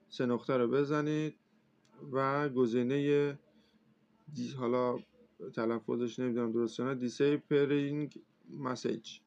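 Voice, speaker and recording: Using a creaky, mid-range voice, a male computer instructor explains how to use a phone one step at a time. His delivery is laid-back and hesitant, full of filler noises. The sound is a bit muffled and lo-fi.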